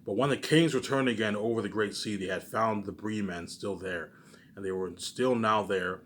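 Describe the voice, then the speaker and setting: This male video creator reads a book aloud in a casual readalong for viewers, at a moderate pace in a lowish, slightly bright voice. He frequently trips over lines, says words twice, and veers into forceful rhetorical tangents. There's a little background noise.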